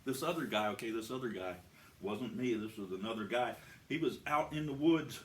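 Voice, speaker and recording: A man's voice: mid-range voice, animated, fairly quick, slight background noise. Folksy rambling joke-telling man. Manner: folksy, meandering, frequent restarts and fillers. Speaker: comedian. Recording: roomy, distant mic, faint ambience.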